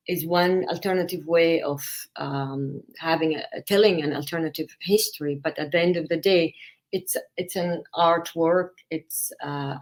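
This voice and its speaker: A woman's voice: on the low side, darkish tone. A woman novelist, speaking hesitantly with many fillers in a recorded interview. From Palestinian citizen of Israel. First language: Arabic.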